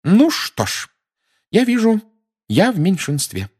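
A man with a husky voice reading aloud, putting on a fierce, protective middle-aged mother witch who talks in an indignant, commanding way. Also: high voice, huge pitch swings, slow pace, a little mellow, pitched above the performer's own voice, exaggerated voice.

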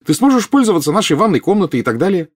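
A man voicing an eager teenage schoolgirl witch, excited and bookish. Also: high-pitched, rapid-fire, pitched above the performer's own voice. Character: young teen witch, eager know-it-all girl.

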